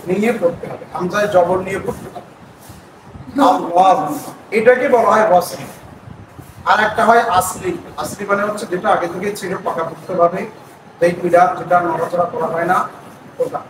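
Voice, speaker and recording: A man teaching prayer recitation, patiently breaking words into syllables and chanting them slowly. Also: high-pitched. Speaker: religious teacher. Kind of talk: explaining pronunciation step by step. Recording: echoey room, distant mic, noisy.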